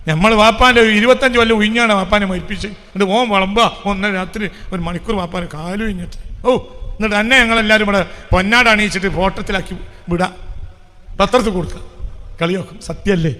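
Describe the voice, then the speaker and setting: A male preacher delivers a sermon in a high, bright, cutting voice. He drops to quiet lines, then breaks into loud emphatic bursts and fires rhetorical questions at the congregation. The voice carries a long hall reverb. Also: quick pace. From Kerala, India. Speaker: Islamic preacher.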